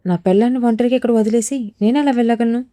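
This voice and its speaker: A woman voicing a young hot-tempered gangster husband in a storybook reading, forceful and demanding. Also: a little high, quick pace, no room sound, clean studio sound, natural voice. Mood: angry.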